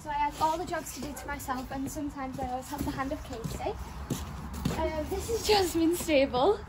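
A high-voiced young woman chats her way through a tour of a horse barn. She rambles along with plenty of fillers. A phone picks her up with noise clearly audible behind her. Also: a little fast. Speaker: vlogger showing her barn. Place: outdoor horse barn and stables. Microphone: phone camera held nearby. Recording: phone video with background noise.

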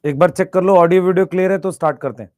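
An online biology lesson is led by a man with a high-pitched voice of darkish tone and a mildly hoarse throat. He repeats his questions and keeps urging the students to answer in the chat without delay.

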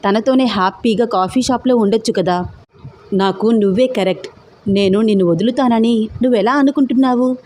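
A woman voicing a stubborn, teasing young man in love, playful and persistent, with a mellow tone. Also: on the high side, moderate pace, natural voice.

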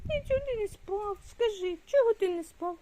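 A woman's voice: very high-pitched, lively intonation, moderate pace. An older woman from Ukraine vlogging outdoors, cooing in sing-song baby talk to a toddler and a dog. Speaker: vlogger great-grandmother. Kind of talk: home vlog, talking to a toddler and a dog. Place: outdoors in a windy yard. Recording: loud wind and outdoor noise.

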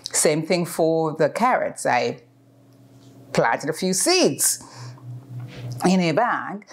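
A woman in her fifties hosts a cooking channel, chatting through a home cooking demo in her kitchen with the camera close in front of her. Her low voice is sing-song and slow, and she explains as she works, with frequent ums and restarts.

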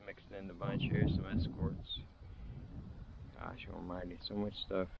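Filming outdoors in an overgrown field with a handheld action camera, a middle-aged American vlogger gives a relaxed, dryly humorous, folksy walking tour. His deep, creaky voice stays level and unhurried. The sound is lo-fi, with a noisy background.

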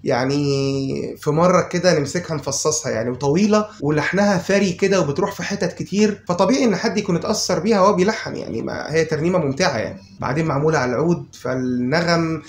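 A man's voice: on the high side, fast talker, slight background noise. A man from Egypt with an Egyptian accent, chatting casually as he teaches a guitar lesson and thinks aloud while explaining. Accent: Egyptian Arabic. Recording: roomy, loud guitar behind. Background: loud guitar playing.

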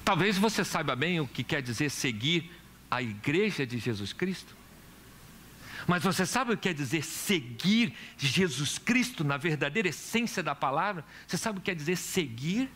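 High bright pastor guy preaching in church, faint room hum behind, tells stories and quizzes the crowd. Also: big pitch swings, normal speed. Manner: storytelling preacher, asks the congregation questions. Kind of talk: sermon. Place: church hall.

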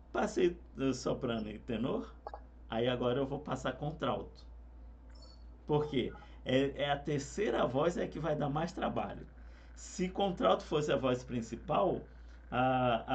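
A man's voice: mid-range voice, muffled recording. Man teaching harmony singing. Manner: relaxed, conversational teaching with fillers. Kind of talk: explaining vocal harmony with sung examples.

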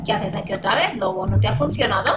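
A woman's voice: mid-range voice, lively intonation, fast, pitched below the performer's own voice, lightly acted. A woman voicing a sly old cackling witch in a puppet story for children. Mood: wry, scheming. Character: cackling old witch, sly, brewing spells in her cave. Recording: roomy echo, music behind.

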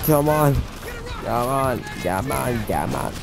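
A man giving let's-play commentary over his game. His pitch swings widely as he rambles, cracks jokes and chants taunts at enemies. Game music runs underneath. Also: expressive, takes it slowly, creaky. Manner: joking, rambling, yells repeated taunts at enemies. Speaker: gamer playing a war shooter. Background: game soundtrack and gunfire.

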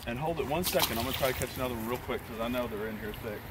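Fishing by a rocky creek, a middle-aged vlogger from Texas chats and coaches casually in a medium-pitched voice. The clip comes from a handheld phone camera, with loud rushing creek water throughout.

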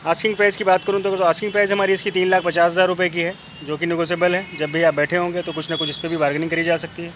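A man gives a brisk, repetitive sales pitch while walking around cars on an outdoor lot, filming on a handheld phone. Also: level tone. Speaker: used car dealer. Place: outdoor used car lot. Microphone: handheld phone camera. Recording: faint outdoor street noise.

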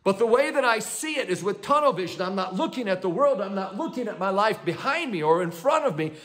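Emphatic preacher man with a raised pitch. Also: lively intonation, a little fast, fairly bright tone. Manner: emphatic, repetitive contrasts, reads scripture aloud. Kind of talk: sermon teaching.

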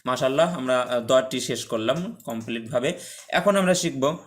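Patient man teaching Quran letters. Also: medium pitch. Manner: patient, explains step by step, many "ah" fillers, checks "okay?"; chants Arabic words slowly and drawn out. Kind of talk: online tajweed lesson.

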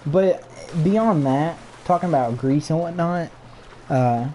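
Young dude on a gaming podcast, blunt and opinionated, casual swearing, faint hiss. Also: male voice, a little high, slow pace, warm tone. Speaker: podcast co-host.

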